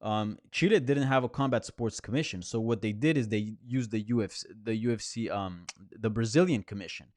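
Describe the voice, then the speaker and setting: Brisk and with few pauses, a host with a low-leaning, darkish voice answers viewer questions live from an apartment near a hospital. He talks casually and rambles, restarting and using fillers a lot, in clean studio sound without echo.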